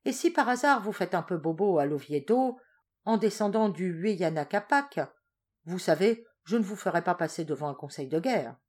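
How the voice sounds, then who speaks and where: A woman voicing a scheming, sardonic male general-dictator in a storybook reading, with a brisk commanding manner. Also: lowish voice, lively intonation, darkish tone. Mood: mocking.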